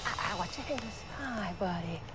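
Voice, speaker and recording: A woman's voice: mid-range voice, animated, measured pace, heavy background noise. A middle-aged woman who runs an animal rescue shelter, talking in a direct, plain-spoken way with casual fillers, speaking outdoors on a lapel mic for a reality TV show. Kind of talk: reality TV interview and on-location talk. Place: outdoors in open fields and lots. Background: background music.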